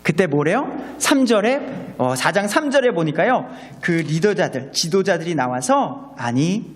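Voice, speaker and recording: A man preaching a sermon as pastor, animated and acting out quoted voices. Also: high-pitched, measured pace, big-room sound.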